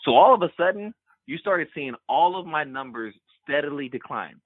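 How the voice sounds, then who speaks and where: A man, a former college basketball player and podcast guest, telling a personal story in an animated way and repeating words for emphasis. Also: on the high side, moderate pace, no echo. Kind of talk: candid storytelling in a podcast interview. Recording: tinny remote call line, dry.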